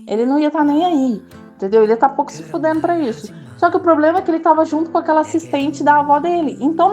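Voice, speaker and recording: Chatty high-voiced woman recapping. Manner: chatty, uses fillers like "tipo assim" and "entendeu"; animated and opinionated, laughs. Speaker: drama recap host. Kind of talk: casual spoken recap.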